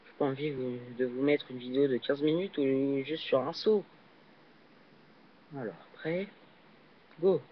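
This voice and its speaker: Slow-talking young man playing a game. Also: mid-range voice, a little hiss or hum. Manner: hesitant, many fillers, excited yelps on jumps. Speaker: gaming channel host. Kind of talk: casual game commentary. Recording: dull lo-fi recording.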